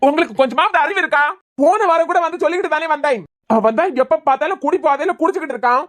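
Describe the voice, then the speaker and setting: A woman's voice: sits high, very fast, close to an everyday voice. A woman with a Kanyakumari Tamil accent voicing an angry young male doctor who scolds his family in a cartoon serial. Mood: scolding. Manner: scolding, demanding.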